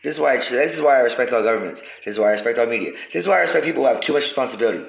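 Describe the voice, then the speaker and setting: A man's voice: medium pitch, animated, very fast, creaky. A man giving a rambling, profane philosophical monologue, repeating himself for emphasis. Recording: roomy echo.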